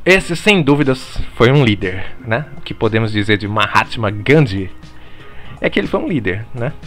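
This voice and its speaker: Deadpan man giving a mock lecture. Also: fairly low pitch, normal speed, faint music behind. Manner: deadpan, swears casually, mock-serious lecturing. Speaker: mock teacher. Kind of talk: parody online lecture.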